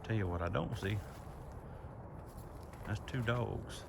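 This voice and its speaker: Laid-back Southern man, low voice. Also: takes it slowly, vocal fry, background noise. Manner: folksy, drawling, laid-back. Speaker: camping vlogger. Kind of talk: casual vlog talk to camera. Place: camper in a pine forest.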